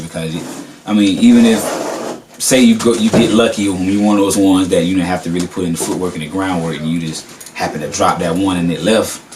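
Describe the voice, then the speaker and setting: A laid-back man with a Southern US accent talks casually in an interview, his voice very low. He sounds a little distant from the mic, with faint noise behind him. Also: darkish tone. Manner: laid-back, repeats filler phrases. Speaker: rapper.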